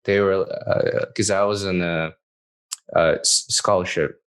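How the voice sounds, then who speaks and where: Male host from Malaysia, very low voice, hesitant and thoughtful. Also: fairly even intonation, measured pace. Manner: hesitant, with restarts and fillers. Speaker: podcast host. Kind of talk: casual podcast interview.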